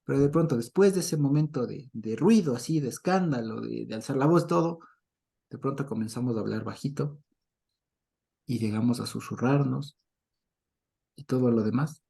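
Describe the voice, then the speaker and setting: A middle-aged man giving an informal Bible teaching, conversational and chuckling often, who checks in with his listeners and swings between loud mock preaching and soft murmurs. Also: medium pitch, moderate pace, vocal fry, long pauses, breathy edge.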